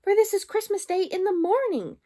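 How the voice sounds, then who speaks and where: A woman's voice: extremely high pitch, a little fast, dark tone, voice pushed up. A woman voicing a poor, despairing old tailor in a storybook, lamenting in old-fashioned exclamations. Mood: woeful.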